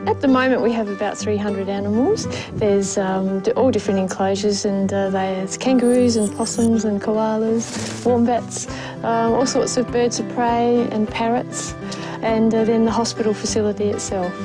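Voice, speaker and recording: A woman who runs an animal rescue centre, explaining her work in a relaxed, plainspoken way with many ums and uhs. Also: on the high side, normal speed, low-quality recording. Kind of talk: casual explaining in interview. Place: wildlife rescue farm. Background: background music.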